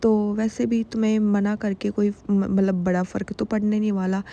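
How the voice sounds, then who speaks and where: A woman voicing a calm young man reassuring his partner, close to her own voice. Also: medium pitch, normal speed, muffled recording, natural voice.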